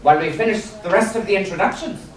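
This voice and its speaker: A man hosting a pub cabaret with lively stage banter, slipping into jokey Irish pub patter. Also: high-pitched, fast, recorded from a distance. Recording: echoey room recorded from afar, background noise.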